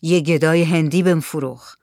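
A storyteller voicing an easygoing old hermit who talks in a relaxed, offhand way. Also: male voice, on the high side, no room sound, studio quality, natural voice.

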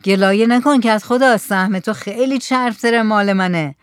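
A woman's voice: mid-range voice, smooth, no echo, natural voice. A woman voicing a greedy, joking village man in a storybook reading.

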